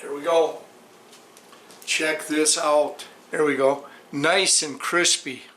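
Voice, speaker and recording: A man hosting a casual home cooking vlog, talking slowly and savoring the food as he tastes it in his kitchen. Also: fairly high pitch, echoey room, slight background noise. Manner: slow, relaxed, savoring food between lines. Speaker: cooking show host.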